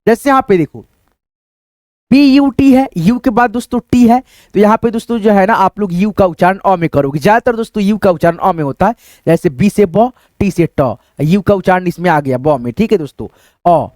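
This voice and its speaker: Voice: medium pitch, normal speed, a little mellow, no echo. Teacher going over phonics one word at a time, keeps calling viewers friends, no room sound at all. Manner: repetitive, addresses viewers as friends. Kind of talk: phonics lesson on a whiteboard.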